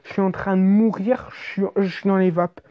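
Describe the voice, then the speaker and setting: A woman's voice: medium pitch, normal speed, muffled recording. Woman telling a wild comic story. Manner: animated, exaggerated, slangy with swearing.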